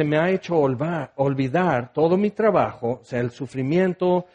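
A man with a Mexican accent preaching a conversational sermon, animated, rising for emphasis and dropping to a hush. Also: fairly high pitch.

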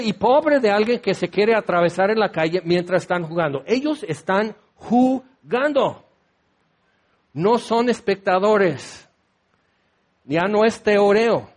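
High-voiced man preaching a sermon. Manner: conversational, uses everyday examples and rhetorical questions.

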